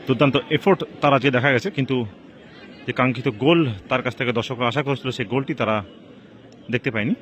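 A man giving live, excited play-by-play football commentary at an outdoor match. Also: medium pitch, quick pace, highs cut off. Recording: crowd and outdoor noise behind. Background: outdoor crowd at a local football match.

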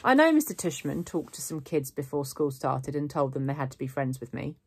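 A woman's voice: low-pitched, expressive, a little fast, husky, full character voice. A woman reading aloud, voicing a guarded, sulky ten-year-old boy who talks accusingly.

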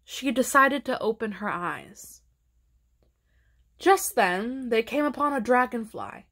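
Slow, gentle woman reading a storybook. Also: on the high side, expressive. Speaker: storybook reader. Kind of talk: children's picture-book read-aloud.

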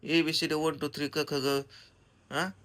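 A man's voice: on the high side, flat delivery, takes it slowly. A young man, scolding and teasing his wife in a comic family vlog. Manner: scolding, teasing, loud and bossy. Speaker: comedian vlogger, husband and father.

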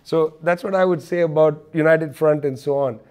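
A man's voice: fairly high pitch, normal speed, a little mellow. A man speaking as an interview guest in a political discussion, emphatic and wry, driving points home by repeating them. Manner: wry, sarcastic asides.

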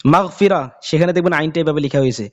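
A man with a teaching Quran reading in a casual spoken lesson, explaining letters and drawling each letter name slowly again and again. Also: fairly high pitch, gravelly, a little mellow, dull audio.

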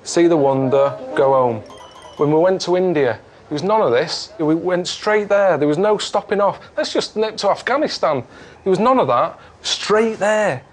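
A man who grumbles in a deadpan way about his travels. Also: on the high side, normal speed. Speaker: traveller on a documentary show. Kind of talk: grumbling to camera.

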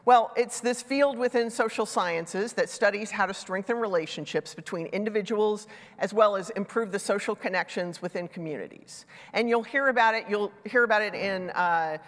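A middle-aged woman gives a conversational conference talk with a headset mic in a large, dark stage hall, her mid-range voice at normal speed. Congested from a sinus infection, she sounds a little stuffy and tosses in self-deprecating asides, and the hall is reverberant.

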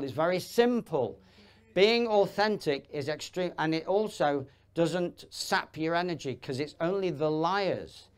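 A man giving a live seminar talk, emphatic and rambling, with restarts and asides, swinging between loud bursts and low asides. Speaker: seminar speaker. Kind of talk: live motivational talk to an audience.

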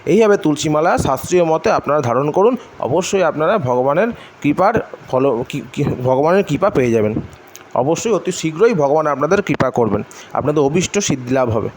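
A man from Bengal giving a devotional lesson at an unhurried pace, asking his own questions and answering them, with mantras chanted in between. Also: on the high side, animated, a little mellow. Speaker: religious teacher. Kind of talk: devotional instruction video. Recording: faint background noise.

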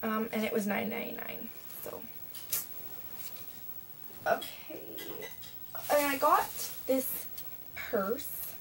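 A young Canadian woman vlogs a casual haul video from a small bedroom, chatting and rambling with plenty of fillers. Her voice sits on the high side and is creaky, and she goes slowly with long pauses. The webcam mic picks her up from desk distance, with a faint hiss.

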